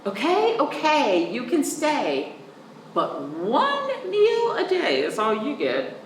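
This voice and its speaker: In this storytime read-aloud, a woman's pitch swings hugely as she stretches words in a sing-song style for little listeners, keeping a relaxed pace. She is a children's librarian who breaks off to explain vocabulary in simple terms. The recording is distant and echoey with slight noise.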